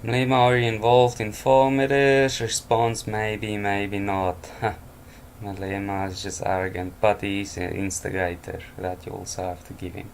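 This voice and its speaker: A worn-out, yawning man gives casual news commentary from home at night, reading headlines with offhand remarks and chuckles. His fairly low, creaky voice keeps a level tone at normal speed, with slight background noise.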